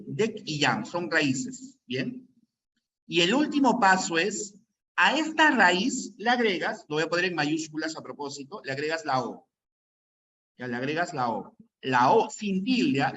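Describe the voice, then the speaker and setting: A man's voice: fairly high pitch, sharp tone. A man teaching a grammar lesson, repeating key points and often checking that listeners follow. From Peru.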